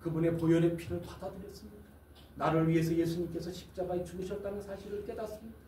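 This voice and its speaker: A man's voice: high voice, steady tone, fast, mellow, a little hiss or hum. A male pastor telling a story in a sermon, acting out the people in it with drama. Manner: dramatic storytelling, acts out quotes. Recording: echoey hall from far off.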